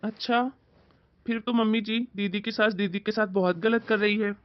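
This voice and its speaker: A woman putting on a man's voice as a calm, caring young husband in a family drama. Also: mid-range voice, normal speed, no room sound, pitched below the performer's own voice, close to an everyday voice. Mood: asking. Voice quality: soothing, gentle. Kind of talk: Hindi family drama acting. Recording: dry, dull lo-fi audio.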